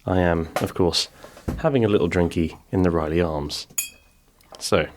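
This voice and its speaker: Low-pitched and darkish in tone, a middle-aged podcast host talks at a moderate pace with slight background noise. It's a casual, rambling chat laced with self-deprecating humor, recorded in the small pub he built in a garden outbuilding.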